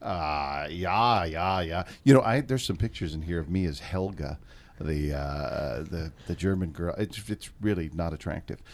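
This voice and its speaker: A man's voice: low voice, lively intonation, moderate pace, a little mellow. A man appearing as a guest on a radio show in a studio, joking and self-deprecating. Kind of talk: casual radio chat.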